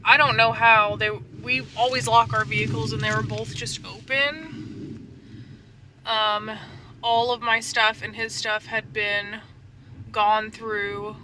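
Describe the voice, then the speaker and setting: A woman's voice: a little high, flat delivery, takes it slowly. A woman vlogging from inside her parked truck in casual, rambling, slangy chat, with faint ambient noise behind her.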